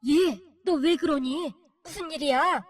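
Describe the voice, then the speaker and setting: A woman voicing a worried older mother-in-law who speaks softly and with concern, over faint music. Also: sits high, measured pace.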